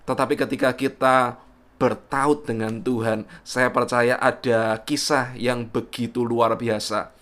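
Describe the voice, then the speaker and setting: Bright-voiced pastor introducing a video. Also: male voice, medium pitch. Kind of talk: sermon introduction.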